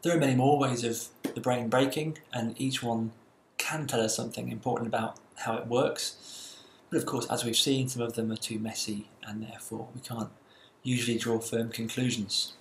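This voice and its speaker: A man giving a recorded university lecture, explaining in a measured way with occasional fillers. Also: medium pitch, steady tone, creaky, echoey room, a little hiss or hum.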